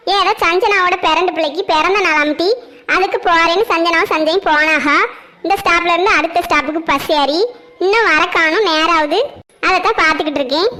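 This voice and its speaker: A woman voicing a whole cast of children and mothers in a cartoon family drama, bright and animated, scolding and bickering. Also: very high-pitched, fairly quick. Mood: worried. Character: shifting cast of girls, boys and mothers. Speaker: voice actor for several family characters.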